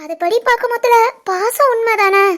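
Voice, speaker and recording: A woman voicing a caring young wife who comforts her husband, in an animated family drama, with a Tirunelveli Tamil accent. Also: extremely high pitch, moderate pace. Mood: tender. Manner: soothing, coaxing.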